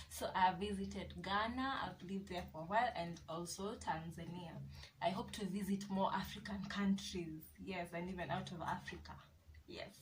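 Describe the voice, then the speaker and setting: A woman's voice: mid-range voice, far from the mic, a little hiss or hum, rough recording. Chatty Kenyan woman in her twenties. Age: 20s. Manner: chatty, repeats herself with many yeses. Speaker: vlogger. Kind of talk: casual chat to camera.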